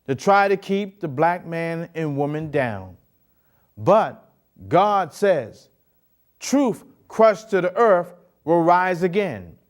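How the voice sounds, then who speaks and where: Animated preacherly male host. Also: high voice. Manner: preacherly, rising emphasis. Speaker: program host. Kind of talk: studio interview with preaching. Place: TV studio.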